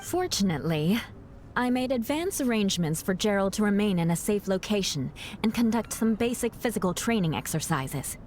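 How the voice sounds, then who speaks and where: A woman's voice: medium pitch, big pitch swings, darkish tone, slight background noise, lightly acted. A woman playing a composed, dutiful young knight with a formal, commanding manner in an anime-style video game. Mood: composed, firm. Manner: formal, measured wording, commanding.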